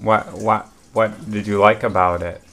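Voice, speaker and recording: A father at the breakfast table at home, gently asking his children encouraging questions, picked up by a home video camera on the table. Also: lowish voice, steady tone, a little slow. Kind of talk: casual family chat.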